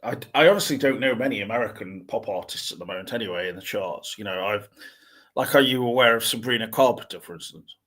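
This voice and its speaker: A middle-aged co-host chats casually, his husky voice slightly low yet a bit bright. He talks fast but sounds hesitant and thoughtful, rambling his way through each point.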